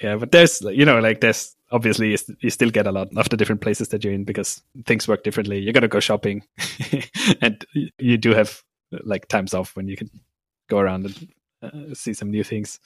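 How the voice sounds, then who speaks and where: A man from Austria with a fairly low voice chats as a podcast guest. He talks loosely, with fillers and frequent laughs. The sound is dry and close. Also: brisk, dry recording. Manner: relaxed, laughs often, many fillers. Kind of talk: casual interview conversation.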